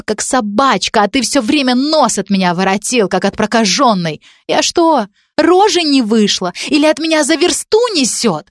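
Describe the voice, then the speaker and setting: A jealous young student girl, hysterical and shrill, her voice jumping high as she hurls accusations, as a woman reads her part. The sound is close and dry, with no room around it. She sounds on the edge of tears and screaming. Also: dry recording. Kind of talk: audiobook character reading.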